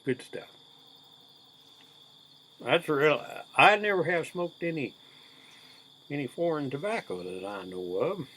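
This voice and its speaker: Slow-drawling folksy man, crickets behind. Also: on the high side. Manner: folksy, unhurried cowboy drawl. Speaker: video host. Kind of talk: casual rambling chat to viewers. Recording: steady background noise with chirping crickets.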